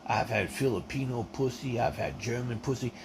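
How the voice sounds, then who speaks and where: A man's voice: medium pitch, fairly even intonation, moderate pace, creaky, background noise, close to an everyday voice. A man voicing a crude, taunting male airman from Kentucky who goads and leers. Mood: leering.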